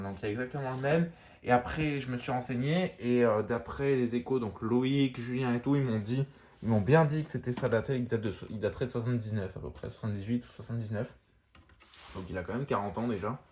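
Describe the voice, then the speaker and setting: A man giving a casual show-and-tell of a lamp, talking in a relaxed, rambling way full of fillers and restarts. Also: mid-range voice, slight background noise. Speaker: lamp collector showing a fixture.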